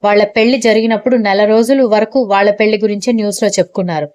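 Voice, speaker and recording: A man's voice: high-pitched, racing, darkish tone, clean tone, natural voice. A woman narrator voicing a sarcastic young male colleague in an audio story, with a mocking tone.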